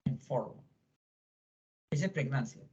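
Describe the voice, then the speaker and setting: A man's voice: mid-range voice, animated, a little slow, a little mellow. A middle-aged man giving a psychology lecture in a classroom, conversational and full of tag questions. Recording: lo-fi classroom recording.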